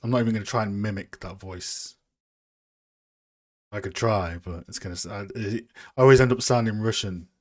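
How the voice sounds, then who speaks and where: A man's voice: lowish voice, normal speed, long pauses. A man hosting a casual live stream, chatting with viewers in a rambling, self-deprecating way while working on a model. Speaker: streamer and game art host.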